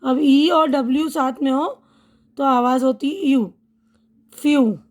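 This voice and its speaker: A woman's voice: high voice, fairly even intonation, takes it slowly. A woman teaching English pronunciation, patiently saying each word and then its meaning. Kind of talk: slow spoken-language lesson.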